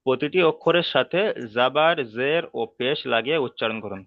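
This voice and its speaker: A man teaching letter sounds in an online class, patient and repeating each rule slowly. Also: medium pitch, no echo, highs cut off. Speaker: Quran reading teacher.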